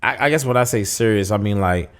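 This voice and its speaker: A young man co-hosting a casual dating podcast, laid-back and halting, often restarting his sentences. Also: fairly low pitch. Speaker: podcast co-host. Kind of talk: casual chat.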